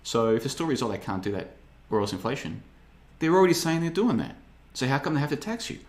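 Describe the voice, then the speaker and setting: With an animated, fast delivery and a mid-range voice, a man in his thirties rambles sarcastically through his podcast's live chat. He keeps slipping into mocking voices during the casual monologue.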